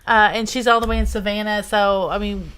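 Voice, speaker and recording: A middle-aged woman co-hosting a relaxed live-stream sale. She talks in a chatty, easygoing way and likes to tell little stories. She laughs easily between her lines. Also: mid-range voice, brisk, smooth. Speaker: co-host of a live resale show. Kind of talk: casual live-stream chat.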